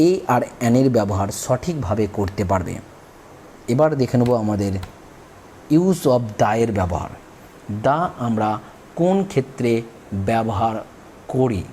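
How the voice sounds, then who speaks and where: A man teaches a grammar lesson in a mellow, warm voice. He works slowly through examples, spelling out words letter by letter. A faint hiss of background noise sits under the recording. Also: mid-range voice. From India.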